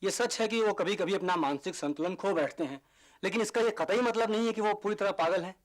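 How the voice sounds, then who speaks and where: A man's voice: sits high, a little fast, close to an everyday voice. An actor playing a lawyer arguing his client's case formally in court. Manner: formal, argumentative.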